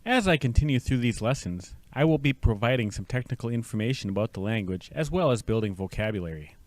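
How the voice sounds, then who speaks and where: A man's voice: mid-range voice, no echo. A man teaching a language lesson, patiently sounding out syllables and words for the listener to repeat. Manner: slow, drawn-out repetition of syllables.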